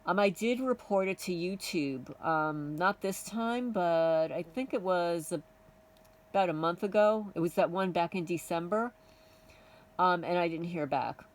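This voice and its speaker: A woman's voice: fairly low pitch, measured pace, recorded from a distance, low-quality recording. A woman with a Kentucky accent talking casually to her channel viewers, rambling with many ums and restarts. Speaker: homesteading channel vlogger. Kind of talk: casual vlog talk to viewers.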